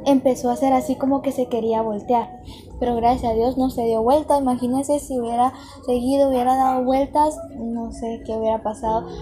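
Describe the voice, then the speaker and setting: A woman's voice: on the high side, fairly even intonation, brisk. A woman telling a personal story to camera in a chatty, earnest way, speaking straight to her viewers, with music playing behind her. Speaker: vlogger. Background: background music.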